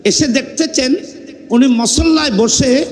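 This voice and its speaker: Male preacher, sharply high-pitched, impassioned, long hall reverb. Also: a little slow. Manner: fervent, rising into sung cries and shouts. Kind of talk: impassioned sermon storytelling.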